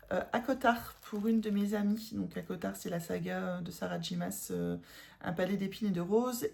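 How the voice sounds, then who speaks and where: A woman's voice: medium pitch, gravelly, dark tone. A woman with a northern French accent, chatting casually about her cross-stitch haul, rambling with fillers and correcting herself, tired. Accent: northern French, Ch'ti.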